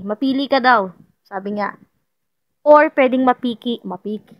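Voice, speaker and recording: A woman with a high-pitched voice does a casual tarot reading for viewers, chatty and playful, often laughing and repeating herself. The recording is dry and the audio dull.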